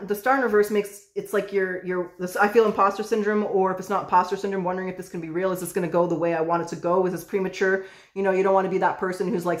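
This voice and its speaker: A woman giving a casual tarot reading, chatty and excitable, who swears freely. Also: mid-range voice, roomy sound. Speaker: tarot reader.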